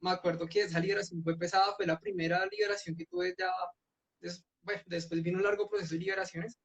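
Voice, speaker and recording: A man's voice: high-pitched, sing-song, quick pace, vocal fry, husky. A young man giving an earnest personal testimony at a church youth meeting, telling his story with frequent restarts. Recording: dull lo-fi sound.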